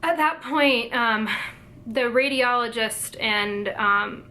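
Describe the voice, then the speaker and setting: A young woman telling a personal story to camera, hesitant and emotional, with many pauses and fillers. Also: on the high side, pushed and bright. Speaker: vlogger.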